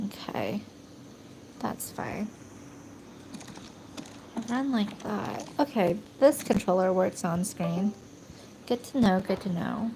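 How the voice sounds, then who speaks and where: A woman's voice: mid-range voice, takes it slowly, pauses often, noisy background. A young adult woman streaming a game, chatty and giggly, reading lines and thinking aloud. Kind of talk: casual let's play commentary.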